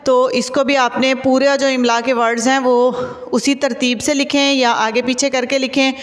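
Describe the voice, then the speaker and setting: A woman teacher with a Pakistani Urdu accent, sounding out letters and syllables slowly for young children in an online lesson. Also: high voice, little pitch movement. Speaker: school teacher. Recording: echoey room with long reverb.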